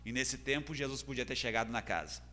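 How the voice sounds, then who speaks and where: A man's voice: mid-range voice, quick pace, sharp tone, slight background noise. A man with a Brazilian Portuguese accent preaching a sermon as pastor, earnest and building in intensity. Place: church hall. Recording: long church hall reverb.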